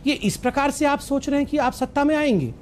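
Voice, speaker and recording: A man's voice: very high voice, brisk, slight background noise. A man speaking as a party guest in a heated TV debate, mocking and combative toward his opponents.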